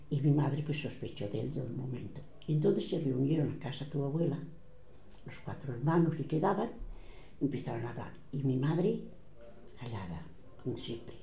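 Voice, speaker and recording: An older woman with a Catalan accent recounts old family quarrels in a lively storytelling manner. She slips into the voices of the people she quotes. Her voice is very dark and mellow, and it rings in an echoey room. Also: extremely low pitch, creaky. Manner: animated, acts out quoted voices. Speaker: relative recounting family history.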